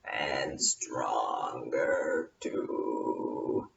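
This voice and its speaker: A boastful storybook mummy whose voice sinks into a deep, breathy, hollow groan, drawn out very slowly. It sounds roomy and far from the mic. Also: female voice, a little hiss or hum, heavily acted. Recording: roomy, distant, dull sound.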